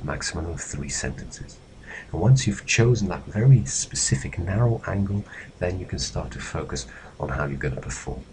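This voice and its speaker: A man lecturing in a measured, instructive way, pausing with fillers as he explains. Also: sits low, darkish tone, slight background noise, low-quality recording. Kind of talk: recorded lecture slidecast.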